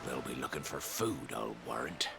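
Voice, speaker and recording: An actor playing a gruff but kindly old sailor-like man in a video game, with folksy, weary speech and a gravelly voice. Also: very deep voice, lively intonation, moderate pace, heavily acted. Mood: relieved, grumbling. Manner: folksy, old salt's dialect. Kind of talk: video game character acting. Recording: game music behind. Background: game music.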